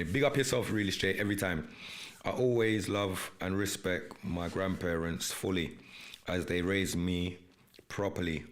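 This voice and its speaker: A podcast host from England, whose voice sits low, speaks English with a Jamaican Patois inflection. Hosting live, he keeps up an emphatic, repetitive monologue laced with patois slang.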